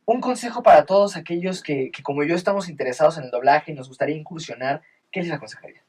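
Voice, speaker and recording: A man's voice: fairly high pitch, fast talker, darkish tone, breathy edge. A man interviewing a voice actor, asking eager, fan-like questions. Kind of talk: casual interview. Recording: voice slightly distant from the mic.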